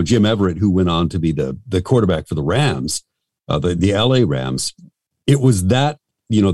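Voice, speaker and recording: Deep-voiced man telling rambling stories. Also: a little mellow, dry recording. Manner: rambling, full of fillers and restarts. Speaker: radio host and voice actor, interview guest. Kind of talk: casual storytelling in an interview.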